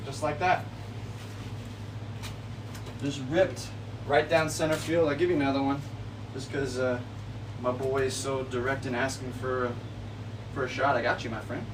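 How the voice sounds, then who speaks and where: A man's voice: medium pitch, flat delivery, moderate pace, long pauses, far from the mic, background noise. A man in his twenties giving casual golf tips on a livestream in his backyard, friendly and easygoing, calling viewers buddy and bro. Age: 20s. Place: backyard outdoors.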